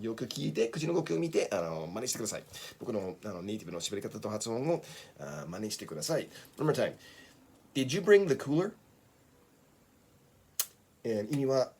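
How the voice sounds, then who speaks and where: A man teaching a short bilingual English lesson from a small studio. He says model phrases slowly and clearly, then adds quick asides in Japanese. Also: mid-range voice, darkish tone.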